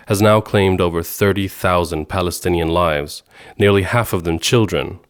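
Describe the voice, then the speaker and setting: A man from Sweden hosting a podcast, giving measured, earnest scripted narration. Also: low voice, clean tone. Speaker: podcast host.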